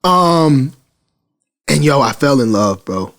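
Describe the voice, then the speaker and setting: A man from Alabama, co-hosting a podcast in animated, joking banter. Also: medium pitch, takes it slowly. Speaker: podcast co-host. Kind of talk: casual chat.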